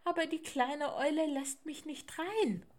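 A woman's voice: high voice, a little slow, voice pushed up. A woman voicing a caring, flustered mother owl in a storybook reading. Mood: motherly. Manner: motherly, becomes exasperated.

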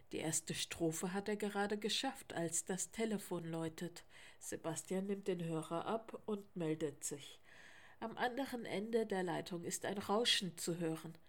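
A woman narrating a children's story in a lively, expressive reading style. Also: mid-range voice.

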